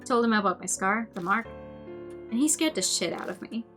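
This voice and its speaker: A woman's voice: fairly high pitch, animated, a little fast, music in the background, lightly acted. Woman as a brash young male delinquent. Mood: rattled, complaining. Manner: slangy, brash punk talk. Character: cocky young male delinquent, brash but easily scared.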